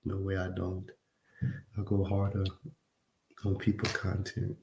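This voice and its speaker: A man from Louisiana with a drawl hosts a livestream, chatting loosely with his viewers. His voice sits low and his speech is easygoing and full of slang. The room around him rings with echo. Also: monotone, unhurried, gravelly, background noise. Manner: laid-back, slangy, talks straight to viewers. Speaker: livestream host. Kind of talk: casual livestream chat reading comments.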